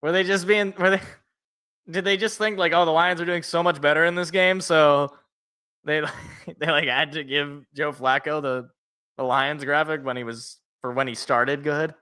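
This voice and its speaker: A man in his twenties hosts a live football reaction stream. He calls plays and jokes with his chat in a bright, forceful voice that sits slightly high. His humor is self-deprecating. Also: fairly even intonation, moderate pace, smooth. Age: 20s. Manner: joking, self-deprecating, chatting with viewers. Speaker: sports podcast co-host. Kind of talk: live game reaction and play-by-play.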